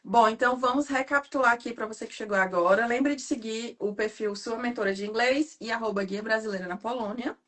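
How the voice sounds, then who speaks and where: A woman from Ceará with a Cearense Brazilian Portuguese accent, hosting a casual live interview and telling stories quickly and animatedly. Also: a little high. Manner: fast talker, animated storytelling. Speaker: host.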